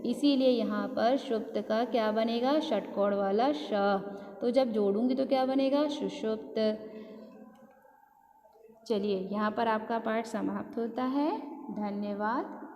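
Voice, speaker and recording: A woman's voice: a little high, takes it slowly, a little mellow. A woman teacher giving a grammar lesson, asking questions and answering them herself, stretching out syllables as she spells words. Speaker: school teacher. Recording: echoey room with long reverb, faint noise.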